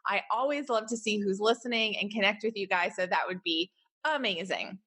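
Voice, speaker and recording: Canadian woman in her thirties, mid-pitched, hosts a casual solo podcast, chatty and encouraging. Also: fairly quick, pushed and bright, breathy edge. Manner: chatty, encouraging, many fillers like "like" and "right?". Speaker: podcast host.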